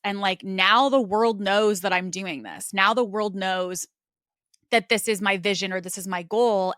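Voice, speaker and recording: With a medium-pitched, sharp-toned voice, this woman hosts a podcast, talking earnestly and reflectively in a relaxed, conversational way full of "like" and "you know." The sound is dry and of studio quality.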